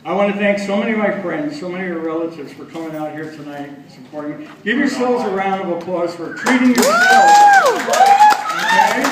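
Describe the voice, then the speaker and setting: A man's voice: on the high side, very noisy. A man doing a stand-up comedy set in a bar or club, chatty and self-mocking, teasing the audience. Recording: echoey club from far off. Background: audience laughing.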